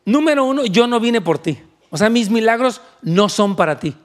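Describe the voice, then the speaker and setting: A man voicing a calm male teacher figure who explains a refusal firmly and patiently. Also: high-pitched, normal speed.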